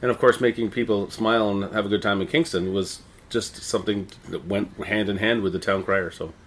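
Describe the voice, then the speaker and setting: Middle-aged Canadian man with a lowish voice. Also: steady tone, brisk, a bit bright, slight background noise. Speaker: interviewee, town crier and visitor services manager. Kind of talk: conversational interview answers.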